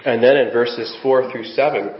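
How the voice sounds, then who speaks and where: A man's voice: mid-range voice, slow pace. A man preaching a sermon as pastor, reading scripture aloud and asking rhetorical questions. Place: church sanctuary. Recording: echoey, dull church recording with faint hiss.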